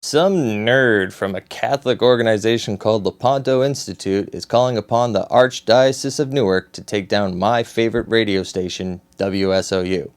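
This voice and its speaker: A man's voice: fairly low pitch, moderate pace, few pauses. A man reading scripted satirical news in a dry, mock-serious anchor voice.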